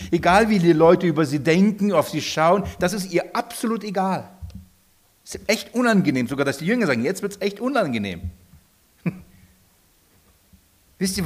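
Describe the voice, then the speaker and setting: A man preaching a sermon with passion, often restarting and repeating his phrases. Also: high-pitched.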